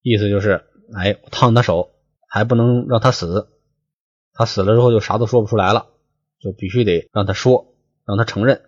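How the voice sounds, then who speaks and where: A man's voice: fairly low pitch, fairly even intonation, normal speed, slightly rough, no room sound. A man reading a classic novel aloud and explaining it in casual, chatty asides. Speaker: storyteller. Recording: dull lo-fi recording.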